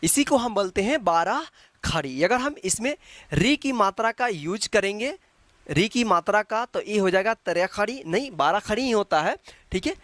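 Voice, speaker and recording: A woman teaching a Hindi alphabet lesson. She explains patiently, repeats herself and checks in often, then chants syllables loudly and slowly. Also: medium pitch, animated, no echo. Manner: patient, repetitive, checks with frequent "ठीक है".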